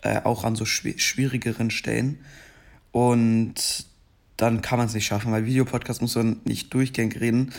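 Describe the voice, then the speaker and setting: This young man, a gaming video creator, has a mid-range voice with vocal fry, little pitch movement, and a scratchy morning roughness. He drifts through slow, rambling commentary while playing, punctuated by frustrated outbursts.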